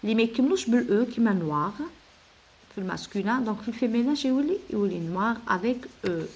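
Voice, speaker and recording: A woman teacher with an Algerian Arabic accent, explaining a French exam to pupils, switching between Arabic and French and slowly dictating French sentences. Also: a little high, lively intonation, a little mellow, breathy edge. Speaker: primary school teacher.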